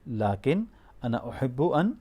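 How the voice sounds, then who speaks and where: Man slowly drilling Arabic phrases. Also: mid-range voice, sing-song, dark tone. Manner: prompts and repeats phrases slowly, encouraging. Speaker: Arabic teacher. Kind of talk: spoken language drill lesson.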